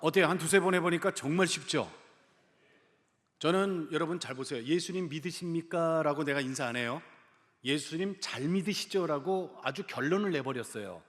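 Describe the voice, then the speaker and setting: A middle-aged man giving a church testimony, telling stories and acting out dialogue in an animated way. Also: on the high side, fairly quick. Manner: animated storytelling, acts out dialogue. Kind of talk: sermon testimony. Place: large church sanctuary. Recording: long hall reverb.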